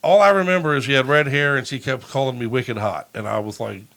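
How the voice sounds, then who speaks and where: A man's voice: mid-range voice, fast, fairly bright tone, rough recording. A man hosting a podcast, telling a long profane story in a rambling, laughing way. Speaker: podcast host. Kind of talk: casual storytelling.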